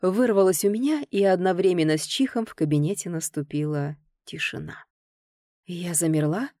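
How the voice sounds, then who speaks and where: A woman reading a first-person audiobook in a lively, expressive way. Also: on the low side, moderate pace, no room sound, studio quality. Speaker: audiobook narrator.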